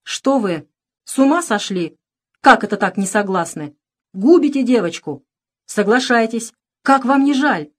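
A woman's voice: mid-range voice, animated, a little fast, few pauses, lightly acted. A woman reading an audiobook voices a young male country doctor who gives urgent, commanding orders in a raised voice. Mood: urgent pleading.

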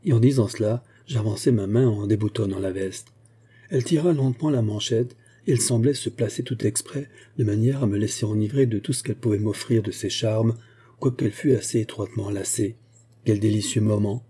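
Male audiobook narrator, very dark timbre, measured elegant read. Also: fairly low pitch, breathy edge. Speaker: audiobook reader. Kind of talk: scripted literary narration.

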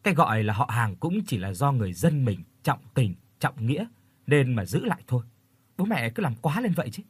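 A man's voice: mid-range voice, big pitch swings, fairly quick, husky, no echo. A man voicing a stubborn young woman who argues back with her mother. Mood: arguing. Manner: irritable, reasoning.

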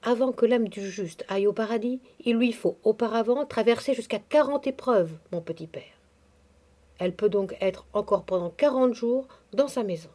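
A woman's voice: fairly high pitch, normal speed, natural voice. A woman reading the part of a devout, grieving elderly nursemaid, speaking tenderly and confidingly. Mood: mournful. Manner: tender, pious, softly confiding.

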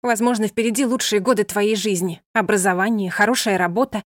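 A woman's voice: mid-range voice, steady tone, a little fast, no room sound, studio quality, natural voice. A woman voicing a determined young woman who speaks earnestly and firmly.

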